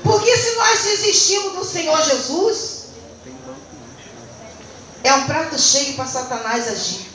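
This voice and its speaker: A woman's voice: high voice, lively intonation, measured pace, pauses often, a bit bright, a little hiss or hum. A Brazilian woman, a church deaconess, giving a fervent testimony sermon and often breaking in with words of praise. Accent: Brazilian Portuguese. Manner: fervent, peppers speech with praise phrases. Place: church hall. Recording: very echoey church hall, mic far off.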